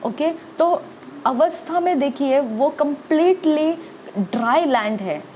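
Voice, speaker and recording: High-voiced woman preaching a sermon. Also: expressive, slow pace, a little mellow, muffled recording, slight background noise. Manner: repetitive exhortation, frequent "okay?" checks.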